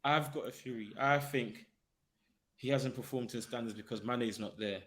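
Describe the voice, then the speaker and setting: A young man in a casual football chat, talking in an animated way with slang and frequent laughter. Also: medium pitch, normal speed. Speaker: football pundit.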